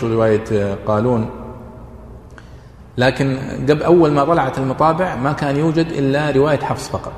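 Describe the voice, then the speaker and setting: Fast-talking male lecturer in an echoey hall. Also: medium pitch, a little mellow. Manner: explanatory, pauses with drawn-out fillers. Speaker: teacher of Quranic readings. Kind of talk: classroom lecture. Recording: echoey hall, faint ambient noise.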